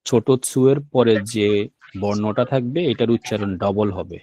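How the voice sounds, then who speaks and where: A man's voice: fairly low pitch, normal speed, warm tone. A man teaching a language class, patiently repeating words and checking that students follow. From Bangladesh. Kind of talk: classroom lesson explaining vocabulary.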